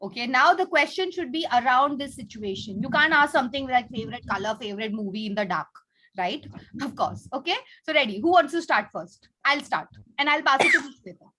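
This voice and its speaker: Teaching children in an interactive online class over a video call, a woman with an Indian accent speaks encouragingly and instructively. Her high-pitched voice is animated, fairly quick, pushed and bright, and the rough recording has slight background noise.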